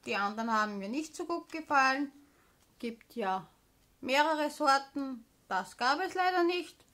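A woman's voice: sits high, animated, a little slow, sharp tone. A woman chatting casually as a vlogger, showing purchases in an informal, explanatory manner. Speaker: craft haul vlogger.

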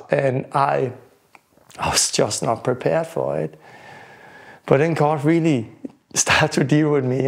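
A man's voice: medium pitch, vocal fry. A man in his forties with a Danish accent, a preacher giving an earnest testimony to camera, often repeating words as he restarts sentences indoors. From Denmark. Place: indoor home room.

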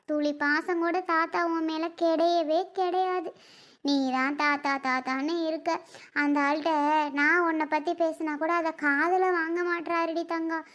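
A woman playing an older mother-in-law and grandmother who talks slowly and coaxingly. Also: very high voice. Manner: slow, soft, coaxing talk. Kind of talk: family skit acting.

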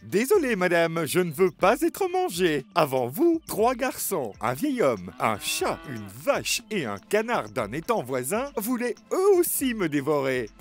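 A man's voice: a little high, wildly swooping pitch, unhurried, few pauses, soft background music. A man voicing a boastful runaway pancake in a cartoon, taunting in a sing-song way. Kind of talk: cartoon voice acting.

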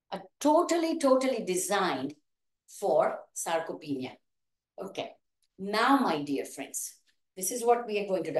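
A middle-aged woman with an Indian accent instructing a live online exercise class, encouraging and calling out counts and cues as she moves. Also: mid-range voice. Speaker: fitness instructor. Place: large open living room indoors. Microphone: video call, camera several metres away. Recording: echoey large room, away from mic.

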